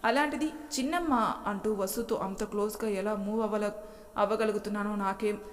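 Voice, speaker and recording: A troubled young man, emotional and remorseful, as a woman reader puts him on. His voice sits at a middle pitch in a storybook narration that rings with a long reverb. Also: fairly even intonation, moderate pace, lightly acted. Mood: torn.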